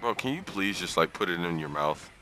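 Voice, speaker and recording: A man's voice: low-pitched, expressive, a little fast, over loud music, poor audio. A young man bantering crudely and laughing over a video game with a friend. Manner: crude, laughing, teasing slang. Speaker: gamer. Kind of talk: casual gaming banter.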